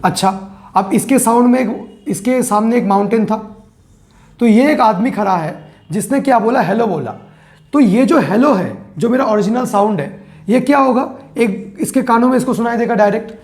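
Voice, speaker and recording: A man teaching a physics lesson, slowly repeating key phrases as if for dictation and mixing English terms into his explanations. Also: very high-pitched, a little mellow. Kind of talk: classroom lesson.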